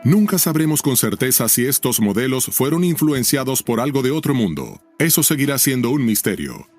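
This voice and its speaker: A man delivers scripted narration in the manner of a nature documentary. His medium-pitched voice is dramatic and intriguing, leaning into questions, with music playing behind him. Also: sing-song, normal speed, darkish tone, no room sound.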